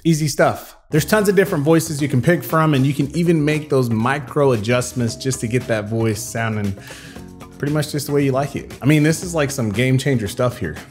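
A young man in his twenties talks to camera in a relaxed vlog. His voice is stuffy and nasal while he recovers from an illness. He jokes easily about himself, with faint music underneath. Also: medium pitch, brisk. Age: 20s. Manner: chatty, joking, self-deprecating. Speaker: YouTube creator. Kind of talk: casual talking-to-camera vlog.

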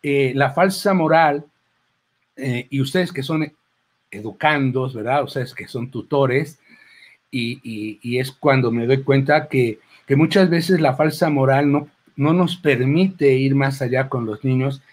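At a presentation table during a book launch, a clown with a Mexican accent talks into a handheld microphone with a mid-range, unhurried voice. His informal speech is chatty and rambling, full of asides and quoted lines.

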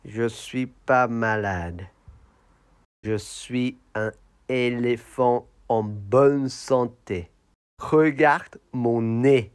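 A man voicing a childish, pushy male toy elephant in slow puppet play for learners, insistent and whiny, repeating himself. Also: medium pitch, darkish tone, clear, resonant tone. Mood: proud.

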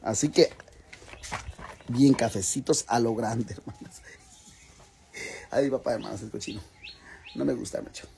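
A man with a mellow, mid-range voice and vocal fry speaks a little slowly and pauses often, with a little hiss or hum in the audio. He has a Mexican Spanish accent and chats casually and rowdily on a cooking live stream, swearing freely and calling viewers "hermanas."

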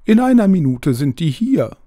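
A man voicing an indignant, bossy owl with a hoarse voice in a storybook reading. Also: fairly high pitch, very animated, normal speed, warm tone, no echo, studio quality, voice pushed up. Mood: bossy, frantic. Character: furious, soaked, selfish owl. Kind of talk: audiobook character voice.

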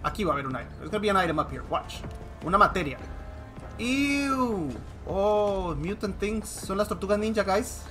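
A game streamer giving excitable live commentary, switching between Spanish and English. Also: medium pitch, brisk, faint music behind. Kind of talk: live bilingual gameplay commentary.

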